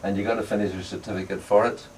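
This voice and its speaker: Talking very fast in a lowish, slightly mellow voice with a level tone, an Ulster-accented man of around 70 or above reminisces casually during an interview. He builds bicycle frames and is a veteran club racing cyclist from Northern Ireland. The recording has a distant mic and clear background noise.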